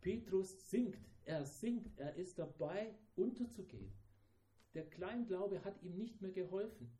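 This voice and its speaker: A man's voice: high-pitched, animated, a little slow, warm tone, roomy sound, low-quality recording. A man preaching a sermon in a dramatic way, acting out the voices of the people in the story. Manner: dramatic, acts out the disciples' voices.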